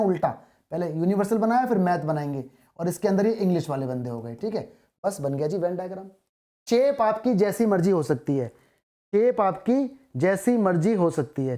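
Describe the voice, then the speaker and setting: A woman's voice: on the low side, mellow. A woman teaching a maths lesson, asking questions and answering them herself and repeating the key points. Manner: repeats key points, reads English text slowly. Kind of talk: classroom maths lesson in Hindi.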